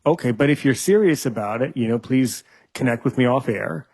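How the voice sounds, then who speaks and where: A podcast host interviews a guest over a video call, joking and teasing, often restarting sentences and saying "you know." His voice is medium-pitched, brisk and a little mellow.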